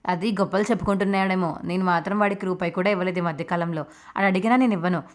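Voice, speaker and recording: A woman's voice: lowish voice, steady tone, very fast, close to an everyday voice. A woman voicing a stern, dismissive older moneylender man, curt and scornful.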